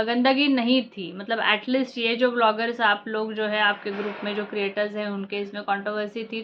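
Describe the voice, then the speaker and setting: A woman's voice: on the high side, dull audio, a little hiss or hum. A woman vlogger giving reaction commentary, scolding and sarcastic, talking straight at the people she criticizes.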